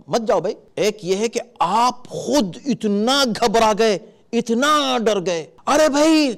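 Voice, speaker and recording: High-voiced man giving animated Quran commentary. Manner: animated, acts out warning shouts in examples. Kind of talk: sermon-style Quran commentary.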